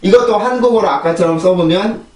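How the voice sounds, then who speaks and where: A man's voice: sits high, fairly quick, distant mic. A man teaching English pronunciation, explaining step by step and drilling words aloud in repeated sets. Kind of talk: online pronunciation lesson. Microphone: shotgun mic on a phone. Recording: roomy echo, voice set back from the mic.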